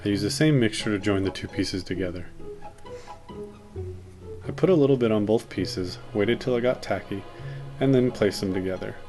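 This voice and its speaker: Low-voiced man narrating a tutorial over music. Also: normal speed, pauses often, a little mellow. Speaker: maker narrating a how-to video. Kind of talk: casual scripted tutorial voice-over.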